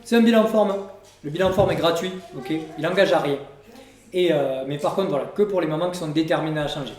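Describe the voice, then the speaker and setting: A man's voice: on the high side, a little fast, a little mellow. A man, a fitness coach, giving casual, direct diet advice at home and talking straight to the viewer. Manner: direct, informal, addresses viewer with "tu". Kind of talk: casual coaching talk to camera. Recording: roomy echo, from a distance.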